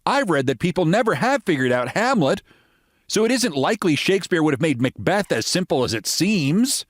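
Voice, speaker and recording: Male reader as chatty woman, lifted pitch, emphatic, cocksure detective-fiction fan, storybook comedy, close dry sound. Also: very animated, fairly quick, no echo. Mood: knowing, confident. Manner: emphatic, gossipy, matter-of-fact certainty. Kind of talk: humorous short-story reading.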